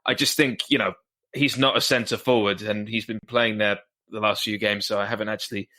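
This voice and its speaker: A man's voice: on the low side, steady tone, a little fast, pushed and bright. A man giving rambling, hedging opinions as a panelist on a casual football fan podcast.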